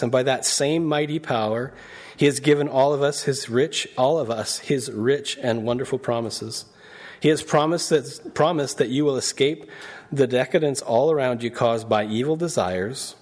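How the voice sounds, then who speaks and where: A man's voice: mid-range voice, a little mellow. A male preacher giving a conversational sermon, often asking the congregation questions and reading verses aloud. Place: church.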